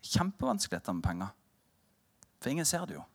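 A man in his thirties preaching a sermon, telling a personal story in a lively, humorous way and joking with the congregation. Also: medium pitch, gravelly, breathy edge.

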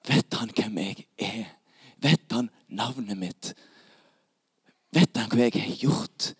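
A preacher voicing an anxious small tax collector who questions himself in a hushed voice. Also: male voice, on the low side, breathy edge, no room sound, clean studio sound, voice pushed down.

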